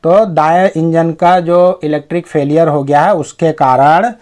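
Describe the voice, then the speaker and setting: A man with a somewhat high voice giving an English reading lesson in Hindi. He goes through the text word by word and reads the English sentences slowly and carefully. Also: steady tone, a little mellow. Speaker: English teacher.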